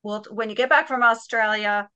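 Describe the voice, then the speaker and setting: A woman's voice: a little high, moderate pace, pushed and bright, clear, resonant tone, no echo. A woman hosting a live parenting session, upbeat and encouraging with her guest and the parents. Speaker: host.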